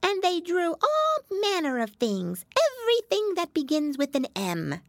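A woman voicing a sleepy, sulky little male dormouse who talks in a slow, drowsy way for a storybook reading. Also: very high-pitched, wildly swooping pitch, dry recording, studio quality, voice pushed up, heavily acted.

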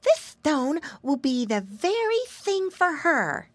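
A woman playing Flop, a high chirpy piglet boy. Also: sing-song, takes it slowly, dry recording, heavily acted. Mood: cheerful. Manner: chirpy and earnest. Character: little boy piglet, curious and good-natured.

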